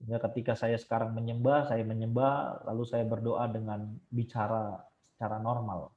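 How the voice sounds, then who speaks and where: A man giving a casual, emphatic Bible study lecture online, his voice jumping high to stress points. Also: little pitch movement, normal speed, a little mellow, echoey room, dull audio.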